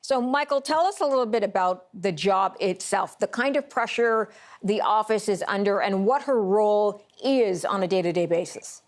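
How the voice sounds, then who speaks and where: A woman anchoring a news program, reading scripted lines clearly and interviewing a guest. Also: medium pitch, moderate pace.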